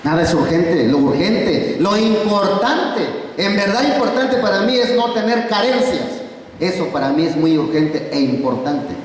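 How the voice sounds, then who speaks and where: A man's voice: sits high, measured pace. A man with a Mexican accent preaching a Sunday school sermon to a congregation, repeating phrases for emphasis and quizzing his listeners. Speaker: pastor. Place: church hall. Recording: very echoey church hall from far off.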